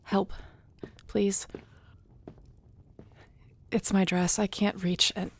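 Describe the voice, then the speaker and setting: Here a woman performs the same nervous, tender young werewolf about to lead her clan, affectionate and teasing, in intimate audio roleplay. She sounds mid-range and slightly rough, drawing out her words in a flat but heavily acted delivery.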